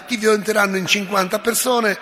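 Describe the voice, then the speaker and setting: A scornful Roman judge who blusters and threatens in a high, gravelly voice, as a man acts him out. It rings through a large, echoing hall. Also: takes it slowly, fairly bright tone, full character voice. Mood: menacing. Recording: echoey hall.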